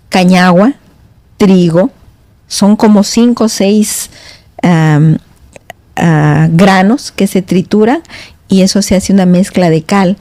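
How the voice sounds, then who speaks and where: A middle-aged woman, a podcast guest, telling stories in a halting, meandering way with many restarts. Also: mid-range voice, dark tone, no echo. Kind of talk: casual storytelling in conversation. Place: podcast studio.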